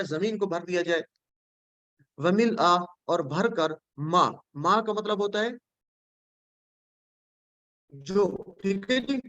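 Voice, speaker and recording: A man with a Pakistani Urdu accent and a fairly high voice teaches word meanings. He repeats each word patiently and checks often that his students are following. The recording is dry and a little dull. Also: fairly bright tone, dry recording. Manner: recites prayer phrases slowly. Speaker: Quran teacher.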